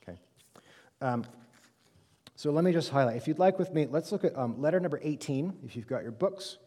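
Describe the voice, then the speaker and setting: A man with a mellow, warm voice teaches a study group in a relaxed, conversational lecture. He keeps checking in with "right?" and "okay?" and fills pauses with "um" as he works through his points. His voice carries a long reverb from the hall around him. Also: a little high. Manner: frequent "um" fillers and self-corrections. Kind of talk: classroom lecture. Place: reverberant room with a live group.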